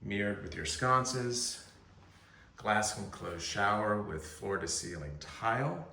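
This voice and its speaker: This man's voice sits on the low side, gravelly, pushed and bright, with lively intonation and a slow pace. Acting as a real estate agent on a home tour, he delivers smooth, appreciative pitches about every feature while walking through the house's rooms. The audio carries room echo and faint background noise.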